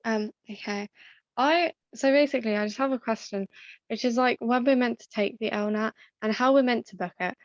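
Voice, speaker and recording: A woman's voice: on the high side, brisk, dry recording. A young woman taking part in a video call, asking questions in an unsure, apologetic, rambling way. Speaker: student participant. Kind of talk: casual chat on a video call. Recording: dull, dry video-call audio.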